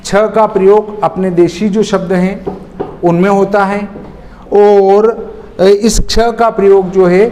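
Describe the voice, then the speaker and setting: A man teaching a spelling lesson, slowly and deliberately spelling out words one by one. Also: high voice, little pitch movement, warm tone. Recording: long reverb, faint noise.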